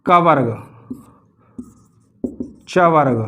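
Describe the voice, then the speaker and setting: A man's voice: a little high, drawn-out words, pushed and bright. A male teacher giving a grammar lesson, asking questions and answering them himself, often checking in with his students. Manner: keeps checking in with "theek hai na". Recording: dull lo-fi recording.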